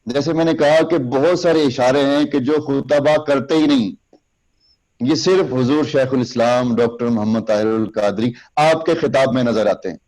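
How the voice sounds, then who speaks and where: A male instructor gives a lecture on oratory at an even, middling pitch. He explains each hand gesture step by step and talks straight to his students. His recited example lines come out louder, slower and emphatic. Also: poor audio. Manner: recites sample lines in a raised, slow, emphatic voice. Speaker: public speaking instructor. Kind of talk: classroom lecture.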